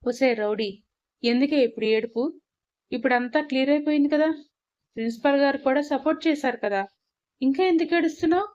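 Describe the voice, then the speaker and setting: A woman's voice: high-pitched, fairly quick, long pauses, a little mellow, no room sound, dull audio, natural voice. A woman voicing a young male professor, proud but secretly loving toward his wife, scolding and then tender. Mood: coaxing.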